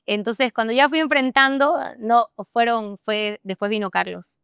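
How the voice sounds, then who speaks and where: A young woman with a Santa Cruz Bolivian accent, talking as a podcast guest. Her voice is very smooth and fairly high. She tells her story in a lively way, laughs often and acts out her own thoughts. The sound is dry and close. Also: a little slow, no echo. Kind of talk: personal storytelling in a casual interview.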